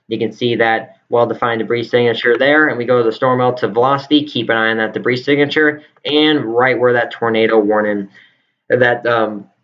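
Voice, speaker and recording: A man works as a live storm forecaster, talking through radar in an improvised, explanatory way. His pitch sits in an ordinary middle range. The recording is slightly dull and lo-fi. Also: steady tone, a little fast. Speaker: live severe weather forecaster. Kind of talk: live weather radar commentary.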